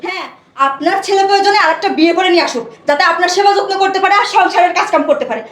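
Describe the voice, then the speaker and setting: A woman's voice: extremely high pitch, very fast, a bit bright, reverberant. An actress playing a spoiled, arrogant young wife who mocks and defies her in-laws in a short-film drama. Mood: defiant. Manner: mocking, defiant.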